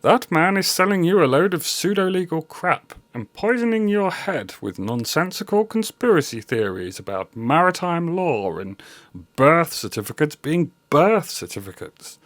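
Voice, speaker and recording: A man's voice: a little high, sing-song, normal speed, fairly bright tone, no room sound, voice pushed up. A man playing a smug, scolding ghost of the past in a comedy sketch. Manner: lofty, scolding, theatrical.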